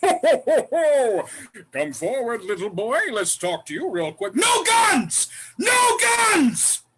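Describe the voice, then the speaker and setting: A man voicing a sleazy, money-grabbing male street-corner Santa with a booming ho-ho manner. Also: big pitch swings, unhurried, noisy background. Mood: jolly. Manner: jolly booming then wheedling.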